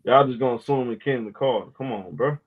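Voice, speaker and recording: A man's voice: medium pitch, fast, narrow, tinny audio. A man hosting a casual sports talk live stream, loose and argumentative, talking back to his chat in slang.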